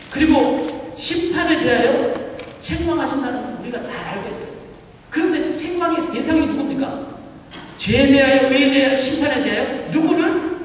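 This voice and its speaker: A man's voice: extremely high pitch, slight background noise. A male pastor preaching a sermon in a church, asking rhetorical questions and answering them, repeating phrases for emphasis. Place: church sanctuary. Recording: echoey hall, mic far off.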